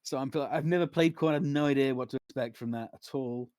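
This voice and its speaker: A man's voice: mid-range voice, quick pace, darkish tone, no room sound, clean studio sound. A man with a modern British accent, broadly RP, talking casually as a co-host of a live draw stream. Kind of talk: casual group chat.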